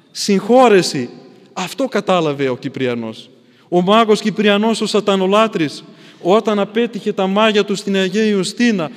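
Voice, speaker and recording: A man preaching a sermon with emphatic repetition, often dropping his voice to a hush. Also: high-pitched. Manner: emphatic, repetitive phrasing with sudden drops to near-whispers. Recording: long church reverb.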